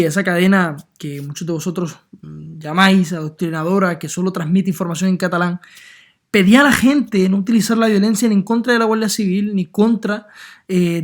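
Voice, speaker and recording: Man with Puerto Rican accent, political commentator, earnest, halting, lots of filler sounds. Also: sits high. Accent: Puerto Rican Spanish. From Puerto Rico. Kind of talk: opinion monologue.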